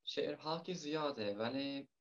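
A man's voice: mid-range voice, dull audio. A man with a Herati accent, a poet and reciter, reading a love poem in the Herati dialect at a round table held over an online call.

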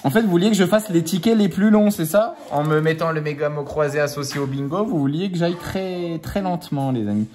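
His pitch is fairly high with a darkish tone. The scratch-card vlogger chats casually at home while scratching tickets, playfully needling his kids and drawing out every number.

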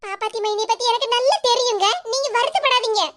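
Someone voicing a super high-pitched worried cartoon mom with a kanyakumari accent, fast and coaxing. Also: pushed and bright. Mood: pleading. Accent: Kanyakumari Tamil. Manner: coaxing, repeats pleas, frets aloud to herself. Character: worried middle-aged wife and mother, fussing and pleading. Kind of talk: cartoon comedy voice acting.

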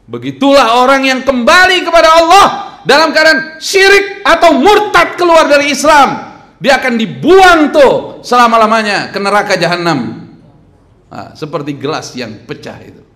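A bright, forceful-sounding man in his thirties preaches from a lectern into a stand mic, his voice sitting a little high for a man. He keeps quizzing the crowd and slipping in jokes as he goes. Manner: animated, quizzing the crowd, joking. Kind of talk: lively sermon with audience questions. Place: mosque hall lecture at a lectern.

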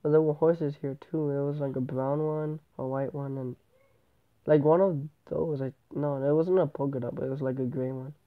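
A stuffy-nosed gamer hosting his gameplay channel speaks with a fairly high, steady voice at moderate speed. His commentary is casual and meandering, full of self-corrections, and the tablet mic makes it sound tinny, like a phone call.

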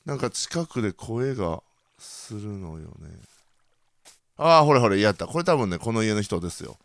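A young man with a Kansai accent commentating his own game play, bursting into loud reactions and then muttering quietly. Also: normal speed, no echo, clean studio sound. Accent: Kansai Japanese. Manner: excitable, reacts loudly to surprises, then mutters low. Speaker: gaming channel host.

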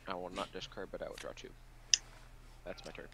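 A man's voice: low voice, steady tone, brisk, vocal fry, heavy background noise. A man playing a board game over voice chat, friendly and apologetic, laughing easily.

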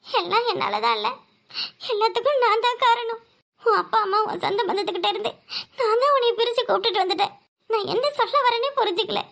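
A woman's voice: very high voice, fast talker, creaky, fairly bright tone, exaggerated voice. A woman with a Tirunelveli Tamil accent voicing a hurt young wife who reproaches and pleads with her husband in a cartoon. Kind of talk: cartoon voice acting.

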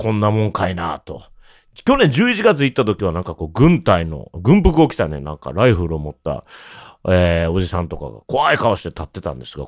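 A man with a Kansai Japanese accent, a trumpeter chatting casually to camera from his home studio in a jokey, playful way. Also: dry recording. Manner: playful and jokey, with sudden high exaggerated flourishes. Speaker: trumpeter hosting his own channel. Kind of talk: casual vlog monologue.

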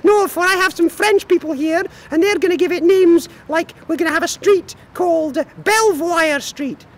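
A man voicing a goofy, bantering Scottish sock puppet in a squeaky falsetto, improvising a comedy sketch. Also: normal speed. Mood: silly, playful.

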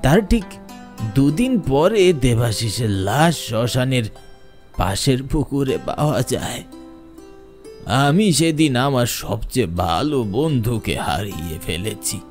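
A man narrating a ghost story in a dramatic way, dropping to a hush at scary moments. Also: medium pitch, sing-song, slow, soft background music.

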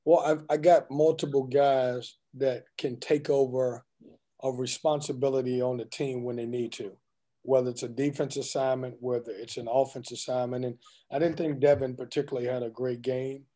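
A man's voice: mid-range voice, level tone, normal speed, warm tone. A man in his forties, a head basketball coach, answering reporters' questions at a postgame press conference over a video call, candid and joking. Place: indoors in front of a team backdrop. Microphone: video call webcam.

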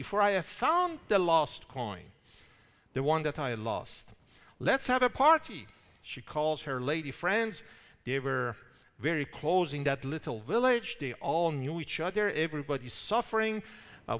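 A man preaching a sermon, emphatic and animated, with rhetorical questions to his listeners. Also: on the high side, in a large hall. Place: church hall.

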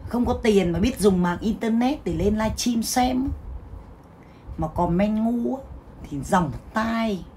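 A woman's voice: medium pitch, slow pace, warm tone, a little hiss or hum. A woman hosting a livestream sale who rants and scolds her viewers with a foul mouth. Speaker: livestream seller. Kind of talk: livestream sales talk.

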